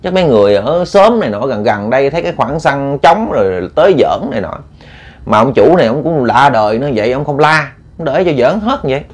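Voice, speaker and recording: A man's voice: mid-range voice, very animated, brisk. A man narrating a ghost story in a colloquial, meandering way, often repeating words.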